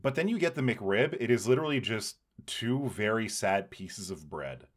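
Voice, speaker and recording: A man's voice: on the low side, lively intonation, normal speed. A man hosting a casual podcast, speaking in a playful, wordy, mock-dramatic way. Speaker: podcast host.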